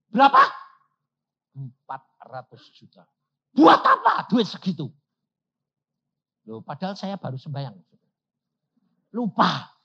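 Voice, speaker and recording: An older man preaches in a husky, slightly high voice. He acts out the dialogue in his story, and his pitch swings widely. The recording sounds dull and lo-fi. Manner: animated, acts out dialogues with sudden loud high jumps. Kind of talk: storytelling sermon.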